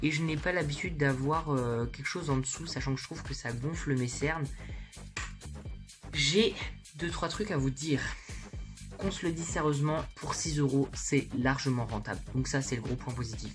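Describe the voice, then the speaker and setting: A woman's voice: rumbling low, moderate pace, music in the background. A woman chatting informally and candidly to viewers in a slangy, casual makeup haul vlog, recorded in her bedroom. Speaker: beauty vlogger.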